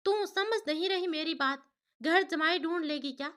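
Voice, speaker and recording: A woman's voice: extremely high pitch, moderate pace, fairly bright tone. Woman voicing an earnest caring elder sister. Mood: worried. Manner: earnest, persuasive.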